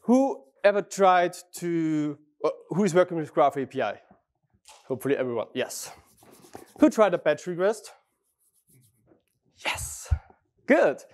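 A man's voice: on the high side, lively intonation, measured pace, long pauses. A middle-aged Austrian man with a German-speaking accent giving a friendly, chatty technical talk on a conference stage, often restarting phrases and asking the audience questions. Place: large conference hall.

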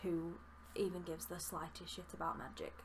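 A young woman from Yorkshire, England, speaks at a normal speed in a fairly low, level voice, enthusiastically reviewing a book at her desk for a laid-back vlog with plenty of filler words. There's background noise in the small, bookshelf-lined room where she sits indoors.

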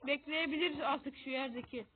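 A woman with a high voice talks through her game in casual commentary. She is excitable and quick to mock her own losses. The audio is narrow and tinny, like a phone line. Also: a little hiss or hum. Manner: excitable, self-mocking about losing. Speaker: gamer.

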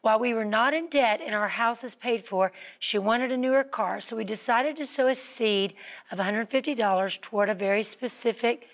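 A woman's voice: a little high, moderate pace. A woman co-hosting a talk show, reading a viewer's email aloud and chatting about it. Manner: conversational, reads aloud. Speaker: co-host.

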